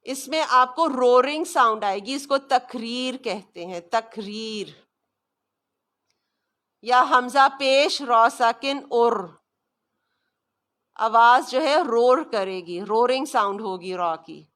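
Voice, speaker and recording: A woman with a Pakistani Urdu accent teaching Quran recitation, explaining pronunciation rules and then modeling each sound slowly for students to copy. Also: a little high, a bit bright. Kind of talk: recorded tajweed lesson.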